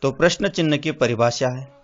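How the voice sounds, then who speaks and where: A man teaching a grammar lesson to students, explaining definitions slowly and counting through lists item by item. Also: medium pitch. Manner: slow and deliberate, spelling out lists item by item. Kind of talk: slow classroom lesson explanation. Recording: dull lo-fi sound with faint music.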